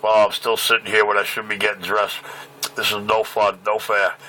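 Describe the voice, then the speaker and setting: A man on an off-frequency CB radio transmission, calling out across the channel in loose, joking banter. His voice sits on the low side and is buried in loud, crackling static. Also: little pitch movement, normal speed. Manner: calls out over the channel, joking and rambling. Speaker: CB radio operator. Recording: heavy static over CB radio.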